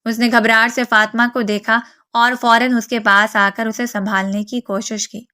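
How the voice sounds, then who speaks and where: Brief: woman storyteller, calm and even, fairly high pitch, scripted narration. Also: no echo, studio quality. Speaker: novel narrator. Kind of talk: scripted narration of a romance novel.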